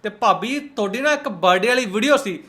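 Very high, bright sarcastic Punjabi man. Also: expressive, fast. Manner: sarcastic, teasing, colloquial. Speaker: host of a roast reaction channel. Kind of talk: mocking reaction commentary.

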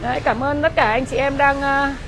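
A woman's voice: high voice, steady tone, fairly quick, fairly bright tone. A chatty woman with a northern Vietnamese accent hosting a casual sales livestream, talking to viewers. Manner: chatty, thanking and greeting viewers. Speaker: motorbike shop livestream host. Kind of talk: casual live sales chat. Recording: outdoor livestream with faint traffic noise.

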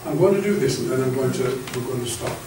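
Here the bishop speaks quickly in a mellow, mid-range voice with lively intonation, telling anecdotes in a chatty talk to clergy and frequently stumbling into stammered restarts. The recording comes from a distant camera in an echoey meeting room about the size of a classroom, with a projector screen and a light hiss.

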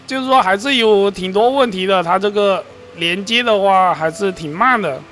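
Over a recording of his computer screen, a man who hosts gaming and crypto-mining videos talks at normal speed in a high, slightly bright voice, with a little background noise. He rambles through the casual game video, frequently self-correcting and sounding mildly exasperated.

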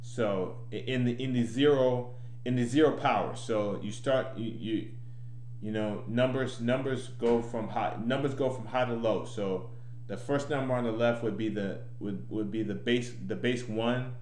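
A middle-aged man explaining his code in an informal tutorial, thinking aloud, haltingly repeating and restarting his phrases over and over. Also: medium pitch, darkish tone. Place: small indoor room at home. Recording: echoey room, clear background noise.

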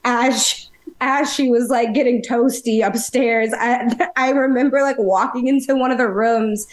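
A woman guest on a podcast, telling stories in a casual, animated way and acting out the quotes. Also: fairly high pitch, unhurried. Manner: animated, acts out quotes in voices.

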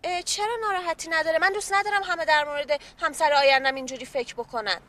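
An actress playing a polite, reserved young fiancée who complains about what people think in a sitcom. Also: female voice, high-pitched, steady tone, pushed and bright. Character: young engaged woman, polite but fussy. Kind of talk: sitcom acting.

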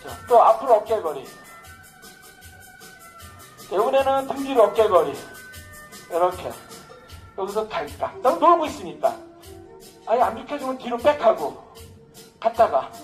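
On a low-quality recording, a middle-aged man with an extremely high-pitched voice teaches social dance, giving live commentary as he demonstrates. His banter is casual, boastful and full of jokes.

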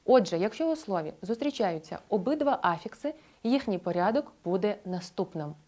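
A woman's voice: medium pitch, lively intonation, warm tone. Woman narrating a scripted language lesson. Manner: clear, explanatory, slows down to model example phrases. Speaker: language teacher.

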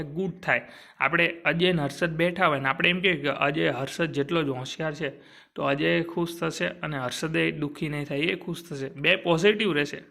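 Male teacher, gravelly voice, bright and forceful, quizzes the class and answers himself. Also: a little high. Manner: asks and answers his own questions. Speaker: exam coaching teacher. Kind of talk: classroom grammar lecture.

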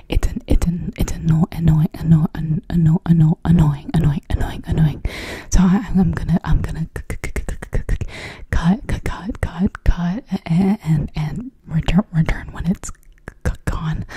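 A young adult woman doing fast whispered ASMR close to the mic, repeating words and syllables in a deliberate glitchy stutter. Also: sits low, dark tone, husky, no room sound. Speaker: ASMR video host. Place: small decorated home studio room, indoors. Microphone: silver desktop condenser mic at the lips.

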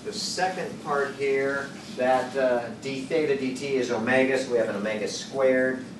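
A man in his sixties giving a chalkboard lecture, working through equations and thinking out loud, hesitating and correcting himself. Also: mid-range voice, fairly even intonation, a little slow. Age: 60s. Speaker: engineering lecturer. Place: classroom at a chalkboard. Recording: roomy classroom, distant mic, background noise.

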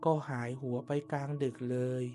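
A man voicing a grave older woman, a neighbour giving a warning in a slow ghost-story delivery. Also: warm tone, soft background music, close to an everyday voice. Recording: noticeable background noise and ambience.

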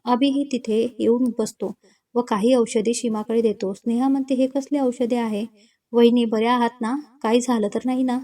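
A woman's voice: on the high side, fairly even intonation, normal speed, warm tone. A woman narrating a romantic story and reading every character's lines in her own voice. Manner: reads all parts in her own voice, dialogue barely changed.

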